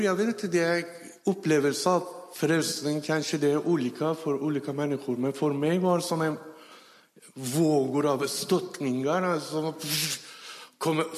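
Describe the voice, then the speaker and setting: A man telling his personal conversion story, animatedly acting out the dialogue, with halting, non-native phrasing. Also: on the high side. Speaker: testimony speaker. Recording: reverberant hall.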